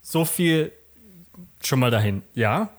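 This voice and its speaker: Ein Mann spricht als Texter und Co-Moderator in einem lockeren Podcast, direkt, spöttisch und nachdrücklich. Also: male voice, medium pitch, expressive, takes it slowly. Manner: blunt, joking, emphatic. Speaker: podcast co-host, copywriter. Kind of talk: casual podcast chat.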